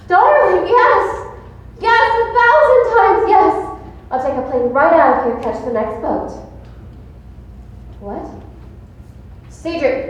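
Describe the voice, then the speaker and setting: A woman's voice: high-pitched, a little mellow. A woman on a stage playing a glamorous, affected actress with a theatrical, swooning delivery in a live play. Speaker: stage actor. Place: large auditorium stage. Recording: echoey hall, faint room noise.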